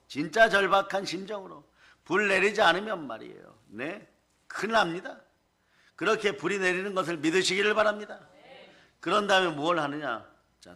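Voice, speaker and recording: Male pastor, sermon, emphatic and chatty, somewhat high voice. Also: bright, forceful tone. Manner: emphatic, colloquial, asks the congregation for responses.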